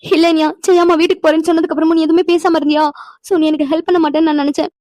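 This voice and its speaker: An emotional young older-sister figure in a cartoon speaks earnestly. Her voice is high and quick, and the recording is dry. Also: level tone, dark tone, no echo. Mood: tearful. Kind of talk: animated cartoon dialogue.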